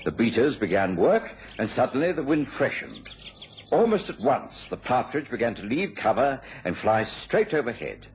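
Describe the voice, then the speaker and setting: Earnest gentleman doctor narrating, dull recording. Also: medium pitch, big pitch swings, slight background noise. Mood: excited. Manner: measured, formal storytelling. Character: Doctor Watson, earnest English gentleman narrator and loyal companion. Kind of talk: dramatised first-person radio narration. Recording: dull lo-fi radio recording, loud music.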